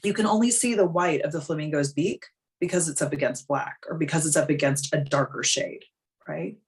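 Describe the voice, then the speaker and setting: A woman's voice: low-pitched, fairly quick. A woman in her thirties, a life coach talking frankly and casually on a live coaching call, full of "like" and the odd swear word.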